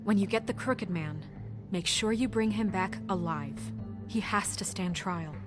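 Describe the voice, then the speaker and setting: An actress playing a principled, serious official in a video game, measured and insistent in her delivery. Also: medium pitch, over music, natural voice. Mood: firm, urgent. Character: principled, serious woman official, firm and urgent.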